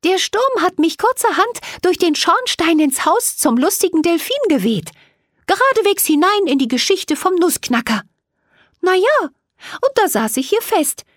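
A giggly little fairy girl from a children's storybook, played by a woman, chirps her lines very high and bubbly. The melody skips up and down. The recording is close and dry. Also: no room sound. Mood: cheerful.

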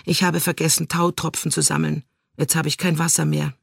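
A man's voice: on the high side, little pitch movement, brisk, creaky, fairly bright tone, breathy edge, dry recording, clean studio sound, heavily acted. A man voicing a dreamy, disorganized young female fairy in a children's storybook, with a plaintive, airy manner. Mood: whiny.

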